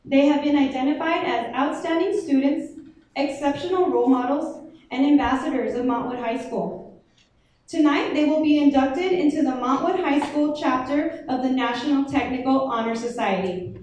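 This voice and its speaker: A woman's voice: high-pitched, normal speed, darkish tone. A woman emceeing a school honor society induction, reading formal announcements. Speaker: ceremony emcee. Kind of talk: scripted ceremony announcing. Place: large echoey hall. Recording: echoey hall from far off, faint noise.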